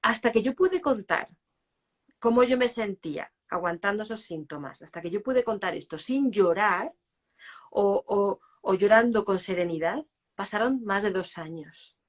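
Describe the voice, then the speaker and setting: A woman's voice: medium pitch, animated, normal speed. A woman in her forties hosting an interview, speaking candidly and reflectively about her own life. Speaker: host. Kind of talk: casual interview talk. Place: live online stream.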